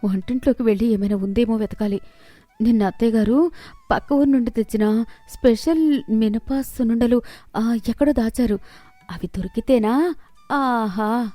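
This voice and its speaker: A woman voicing a timid young daughter-in-law in an animated story, speaking softly and pleadingly. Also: on the high side, moderate pace, long pauses, no echo, natural voice. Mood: whining. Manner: pleading, soft.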